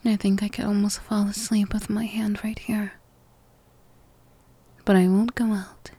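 A woman whispering in a soft, affectionate, soothing manner in a comfort roleplay. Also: medium pitch, level tone, measured pace, husky, no room sound. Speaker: ASMR roleplay performer.

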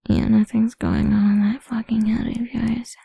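A woman in a whispered audio roleplay, talking close to the mic in a taunting, domineering way, with soft laughs and sighs between lines. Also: fairly high pitch, gravelly, husky, no room sound.

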